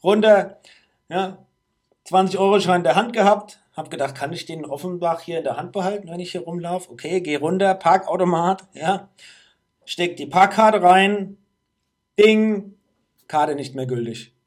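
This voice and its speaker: A man's voice: sits high, normal speed. A man telling a story in casual chat, acting out the dialogue and laughing often.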